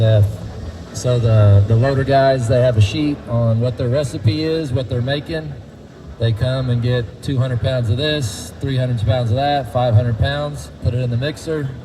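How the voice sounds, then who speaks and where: A man's voice: medium pitch, background noise. A man guiding a group through a feed mill, folksy and quizzing the crowd. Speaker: tour guide at a feed mill. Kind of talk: guided tour talk to a group.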